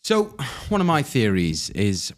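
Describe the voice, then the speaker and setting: A man's voice: lowish voice, huge pitch swings, unhurried. A British man hosting a podcast interview, eagerly agreeing and asking leading questions. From Britain. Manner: eager, affirms often, asks leading questions. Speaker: podcast host.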